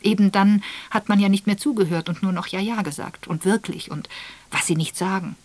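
A woman's voice: mid-range voice, fairly quick, darkish tone, no echo, voice pushed up, natural voice. A woman voicing a young secretary who speaks in a raised, hesitant, apologetic way.

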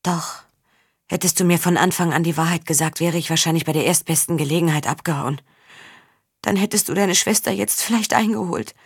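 A woman's voice: on the low side, fairly quick, husky, no room sound, clean studio sound. A woman voicing a nervous young man in an audiobook, speaking hesitantly and earnestly. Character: nervous young male faun-named commoner.

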